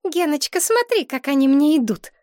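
A woman voicing a bratty, greedy bleached young woman in an audiobook, squeaky and capricious. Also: sing-song, normal speed, a little mellow, dry recording, clean studio sound. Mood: whiny. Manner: shrill and capricious.

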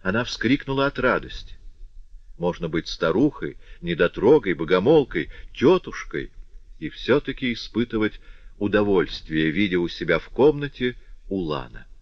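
Deep-voiced man narrating a classic novel. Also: very animated, normal speed, dry recording, dull audio. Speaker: audiobook narrator.

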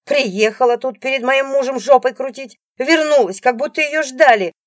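A woman voicing a rude, bossy young wife who yells in a loud, shrill voice, in an audiobook. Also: big pitch swings, very slow, breathy edge, no room sound, clean studio sound, heavily acted. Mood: shrieking, furious. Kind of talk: audiobook character voice.

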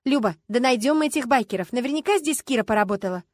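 A woman reading an excitable, indignant young woman driver in an audiobook, speaking high and loud. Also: fast, no echo. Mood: eager.

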